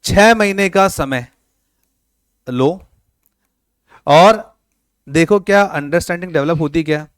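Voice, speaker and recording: A man's voice: on the high side, takes it slowly, long pauses, clean tone, dry recording, studio quality. A man teaching a classroom lecture, joking with and quizzing his students, mixing with words. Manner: playful, teasing students with questions.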